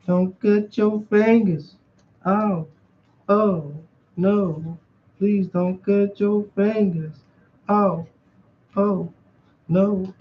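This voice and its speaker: An artist who hosts a channel talks casually to himself while working on a craft project, muttering, humming and now and then breaking into song. His voice is high-pitched and the recording sounds muffled.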